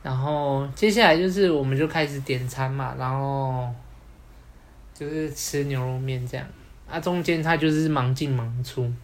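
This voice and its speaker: A man's voice: medium pitch, steady tone, normal speed. A young man with a Taiwanese Mandarin accent, telling a personal story as a podcast co-host, rambling along with many fillers. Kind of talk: casual storytelling chat.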